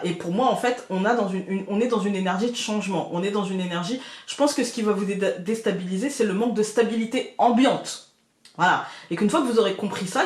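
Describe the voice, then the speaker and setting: A woman giving a casual daily tarot reading to her viewers, reflective and gently reassuring as she speaks to them directly. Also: medium pitch. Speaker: tarot card reader. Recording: roomy echo.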